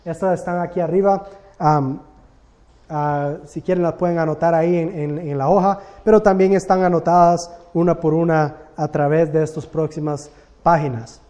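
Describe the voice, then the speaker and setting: A man's voice: fairly high pitch, steady tone, normal speed, dark tone, lo-fi sound. A man teaching a Bible study class, explaining step by step and often checking in with his listeners.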